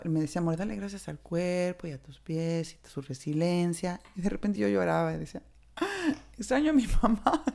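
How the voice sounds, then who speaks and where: A woman's voice: lowish voice, vocal fry, mellow. A woman with a Mexican Spanish accent, casually and candidly telling a personal story, acting out the dialogue with slangy flair. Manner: chatty and candid, slangy, acts out dialogue with shifting voices.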